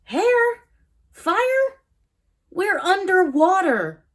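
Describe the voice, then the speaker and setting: A woman's voice: very high-pitched, very animated, very slow, pitched above the performer's own voice, exaggerated voice. A woman voicing a small, worried jellyfish sidekick in a children's storybook, unsure and fretful.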